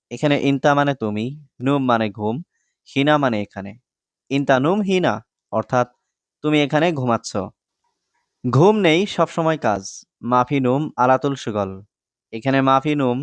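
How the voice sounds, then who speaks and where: A man from Bangladesh giving a scripted lesson, explaining phrases word by word in a steady, repetitive way. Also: mid-range voice, smooth, no room sound. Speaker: Arabic language teacher.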